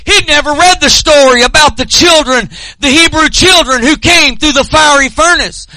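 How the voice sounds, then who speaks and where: High, bright-voiced Southern preacher man. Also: moderate pace, no echo, rough recording. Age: 40s. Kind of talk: impassioned sermon with storytelling.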